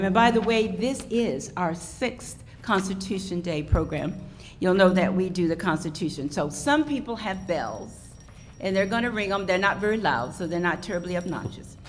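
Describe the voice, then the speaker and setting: A woman giving a podium speech as host, introducing a public program. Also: mid-range voice. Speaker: institute associate director, event host. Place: public event venue, audience present. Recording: faintly noisy live event recording.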